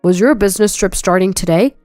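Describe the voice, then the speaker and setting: A self-centered husband speaks in a dismissive, mocking way, as a woman reads his lines. The voice is smooth and clear at a middle pitch. The sound is dry and close. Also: fairly quick, a little mellow, no echo, soft background music, natural voice.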